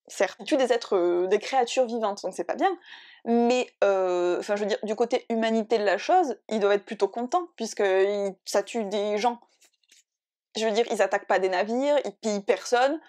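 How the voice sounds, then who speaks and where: Chatty woman vlogging about books, a bit high-pitched, rambles and restarts and laughs a lot. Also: darkish tone. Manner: bubbly, rambling, self-correcting, laughs often. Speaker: book and art vlogger. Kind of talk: casual chat to camera.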